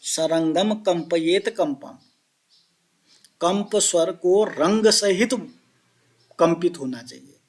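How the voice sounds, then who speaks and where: A man teaching Sanskrit pronunciation, explaining each point and chanting example words slowly while asking his pupils questions. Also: high-pitched. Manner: addresses listeners as children. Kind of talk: classroom explanation of Sanskrit phonetics.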